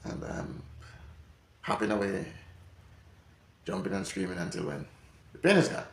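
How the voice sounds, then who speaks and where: A man's voice: low-pitched, sing-song, unhurried, vocal fry, reverberant. A man from Jamaica with a Jamaican accent, telling comic stories with sudden emphatic outbursts. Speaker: comedian. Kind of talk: comedic storytelling.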